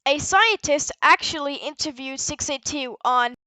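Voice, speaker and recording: Presenting a fictional research audio log, a woman with a high-pitched voice narrates at a measured pace in a matter-of-fact, explanatory manner. It's partly scripted, she occasionally corrects herself, and heavy background noise runs underneath.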